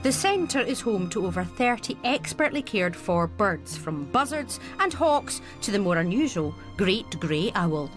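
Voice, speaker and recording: Lively Scottish woman presenting. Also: medium pitch, music in the background. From Scotland. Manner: cheerful, jokey and quick to laugh. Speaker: travel show host. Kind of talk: presenting, chatty and with voice-over narration.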